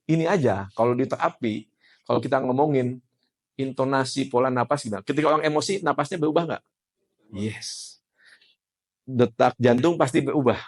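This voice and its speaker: Man lecturing. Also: medium pitch. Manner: lively, asks the class questions. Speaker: NLP trainer. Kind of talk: classroom lecture.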